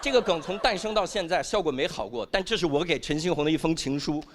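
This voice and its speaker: A man performing a stand-up comedy routine on stage, animated and acting out the voices he quotes. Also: on the high side, fast, heavy background noise. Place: comedy stage before a live audience.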